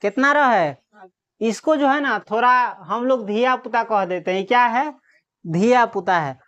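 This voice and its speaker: A woman teacher giving a classroom lesson on reading Hindi letters. She sounds out letters slowly one by one, then quizzes the class and answers herself. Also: a little high, a bit bright. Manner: drills by asking questions and answering them herself. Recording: dull lo-fi recording.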